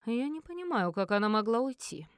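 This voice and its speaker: A woman voicing a grim, thoughtful father who speaks slowly and quietly. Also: sing-song, clean tone, dry recording, studio quality. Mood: pensive. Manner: slow, low-key and pensive.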